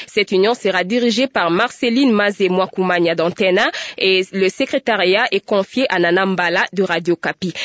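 A woman reading the news as a radio anchor, in a steady, formal delivery. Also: mid-range voice, no echo. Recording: dull lo-fi radio broadcast.

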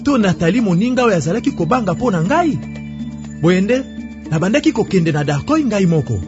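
A man's voice: high voice, big pitch swings, brisk. An actor playing a determined young gardener who narrates his own adventure in a radio drama. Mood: determined narration. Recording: dull lo-fi radio broadcast. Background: loud music.

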